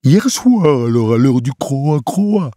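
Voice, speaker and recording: A man voicing a gentle, naive male donkey who talks slowly and earnestly in a storybook reading. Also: medium pitch, expressive, dry recording. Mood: anxious. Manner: slow, soft, earnest, turns frantic. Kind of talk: storybook character voice. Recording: close dry voice with soft music.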